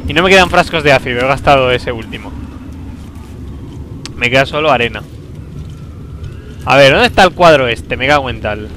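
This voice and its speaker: A man from commentating a video game he is playing, talking to himself, with a sore throat, excitable and prone to loud outbursts. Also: mid-range voice, moderate pace, long pauses, a little hiss or hum, rough recording. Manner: excitable, talks to himself, bursts into loud exclamations. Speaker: gameplay commentator. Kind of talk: let's play commentary.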